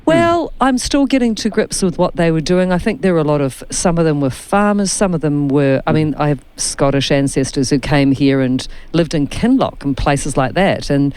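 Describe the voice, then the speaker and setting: Chatty woman radio host, smooth voice. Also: low voice, expressive, moderate pace, hardly any pauses, a little mellow. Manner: chatty, anecdotal storyteller. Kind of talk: casual radio chat.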